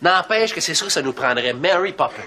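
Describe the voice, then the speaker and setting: A man's voice: fairly high pitch, expressive. An actor with a Quebec French accent playing a wry, sarcastic young father in a sitcom. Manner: quick, sarcastic comic delivery. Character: wry, fast-talking young dad. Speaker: father seeking a babysitter. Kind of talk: sitcom acting. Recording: loud background noise.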